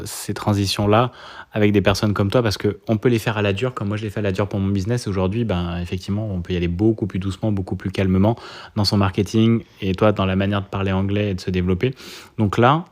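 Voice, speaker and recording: A man hosts a relaxed podcast conversation with a fairly low voice. He asks his questions in a measured, steady way. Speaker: podcast host. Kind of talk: casual interview questions.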